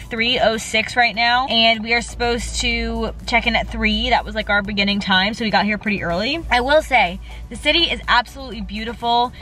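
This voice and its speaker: A young woman in her twenties talks straight to a handheld camera from the seat of a car, relaxed and chatty. Her voice sits a little high, and faint music plays underneath. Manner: chatty, frequent "like" fillers, laughs often. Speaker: travel vlogger. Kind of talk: casual vlog talk to camera. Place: inside a parked car. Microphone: phone or camera held at arm's length.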